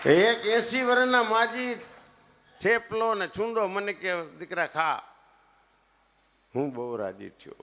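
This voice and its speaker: A man with a Kathiawadi Gujarati accent doing live comic storytelling on stage for a seated audience, swinging between loud punchlines and hushed asides. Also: mid-range voice, a little hiss or hum. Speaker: stage comedian.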